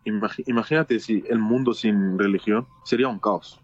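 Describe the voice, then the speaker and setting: A young man co-hosting a podcast, speaking candidly with many halting repeats. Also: lowish voice, no room sound. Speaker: podcast co-host. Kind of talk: casual chat. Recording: dull, dry lo-fi sound.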